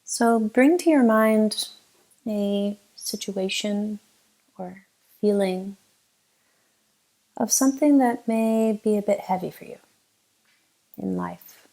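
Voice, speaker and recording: A woman teaching meditation offers slow, gentle guidance punctuated by long silences. Her pitch is medium, and the recording is rough.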